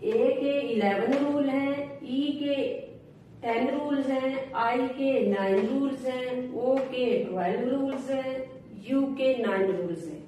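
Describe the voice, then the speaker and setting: A woman teaching English phonics, spelling each word out letter by letter and then saying it slowly. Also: high-pitched, dark tone, a little hiss or hum. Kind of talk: phonics lesson. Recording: echoey room, voice from far off.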